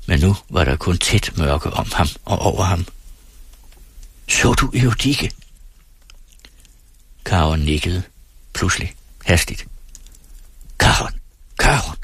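Deep husky male storyteller. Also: no room sound. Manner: measured, dramatic storytelling. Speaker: narrator. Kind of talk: literary audiobook reading.

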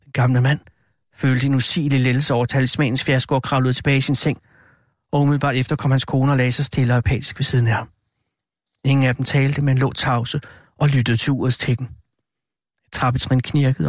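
A man narrating a horror tale as an audiobook, in a measured, deliberate way. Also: medium pitch, no room sound, studio quality.

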